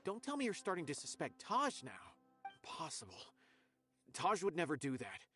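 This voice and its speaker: A man playing an earnest, loyal young law officer in a video game, with an expressive delivery. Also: on the high side, normal speed, music in the background. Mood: defensive, disbelieving. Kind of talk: English video game voice acting.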